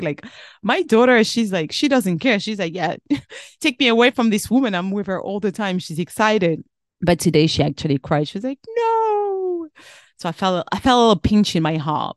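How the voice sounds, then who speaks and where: A woman's voice: medium pitch, no echo, clean studio sound. A woman in her thirties hosting a casual solo podcast, chatting in a rambling way and often correcting herself mid-sentence. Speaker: podcast host.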